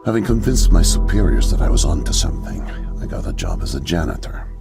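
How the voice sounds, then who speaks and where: An actor playing a middle-aged male janitor who calmly confesses he is a spy, in adventure game voice acting. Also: sits low. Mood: grave. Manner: calm, measured confession. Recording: game audio under music.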